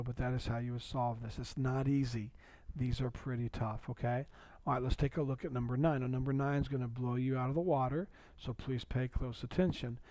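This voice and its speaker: A man's voice: medium pitch, mellow, no echo. A man teaching a precalculus video lesson, patiently walking through steps and repeating key points. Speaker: math teacher.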